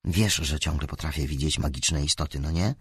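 A man's voice: very deep voice, fairly quick, husky, dry recording, studio quality, pitched below the performer's own voice, heavily acted. A man voicing a serious, urgent teenage girl in a storybook reading. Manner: insistent, urgent.

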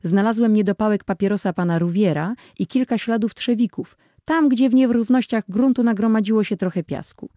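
A reader voicing an earnest, thoughtful boy in an audiobook, reporting in a measured way. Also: medium pitch, warm tone, no room sound, clean studio sound, natural voice. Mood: eager. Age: child. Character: thoughtful older boy, Henryk.

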